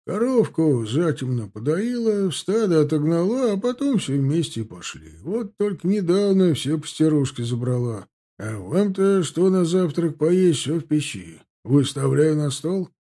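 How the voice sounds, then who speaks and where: A man voicing an older male army orderly, eager and folksy, speaking loudly. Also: on the high side, sing-song, measured pace, voice pushed up, exaggerated voice. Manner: loud, folksy servant's talk.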